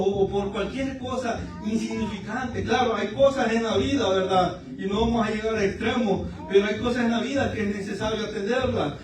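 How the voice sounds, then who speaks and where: A man preaching a fervent evangelical sermon at a church service, mixing teaching with an emotional personal testimony. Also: high-pitched. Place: church service in a large room. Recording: very echoey room, voice far from mic.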